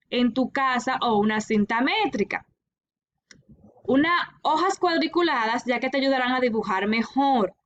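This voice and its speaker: A woman teacher explaining a lesson to children in a recorded class, patient and repeating each instruction clearly. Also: high voice, a bit bright, dull audio. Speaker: primary school teacher.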